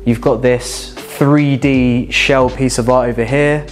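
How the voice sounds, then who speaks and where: A young man hosts a casual walking tour of a large house, moving room to room indoors and out into the garden while chatting with viewers in an upbeat, enthusiastic way. His voice is medium-pitched and steady, his pace slow, with soft music in the background.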